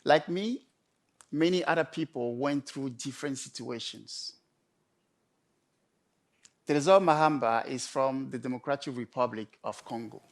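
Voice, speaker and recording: A man delivering a prepared storytelling talk in measured, emphatic short phrases with pauses. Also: medium pitch. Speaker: conference speaker.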